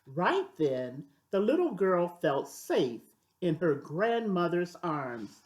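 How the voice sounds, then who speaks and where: An older woman reads a children's story aloud, expressive and deliberate in her storytelling. Her pitch is fairly low.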